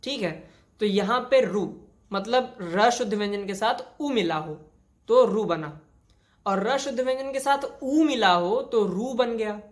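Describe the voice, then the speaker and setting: A woman teaching a classroom grammar lesson. She lays out each rule slowly and repeats it with one example after another, in a voice of medium pitch. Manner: explains step by step with many examples and repeats rules. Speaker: Hindi teacher.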